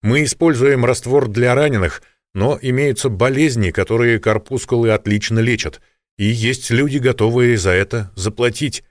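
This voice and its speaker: A man's voice: mid-range voice, normal speed, no echo, clean studio sound, pitched above the performer's own voice, close to an everyday voice. A man doing an anxious chief doctor. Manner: anxious, indignant. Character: fussy worried male chief doctor.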